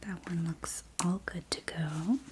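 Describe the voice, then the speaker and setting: A woman in a whispered role-play as a library clerk, speaking in a soft, breathy library whisper with gentle customer-service manner. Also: lowish voice, fairly even intonation, slow pace, background noise. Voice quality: breathy, mostly unvoiced whisper. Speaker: ASMR performer playing a library clerk.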